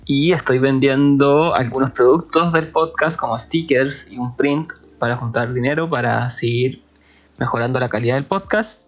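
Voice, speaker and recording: A man's voice: mid-range voice, normal speed, muffled recording. A man hosting his own podcast, introducing a guest he admires and chatting with enthusiasm. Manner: eager, enthusiastic, warm fan. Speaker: podcast host. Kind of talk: casual podcast intro and interview.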